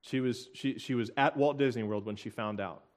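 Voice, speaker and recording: A young man preaching a sermon, earnest and emotional, with halting restarts and soft laughs. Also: mid-range voice.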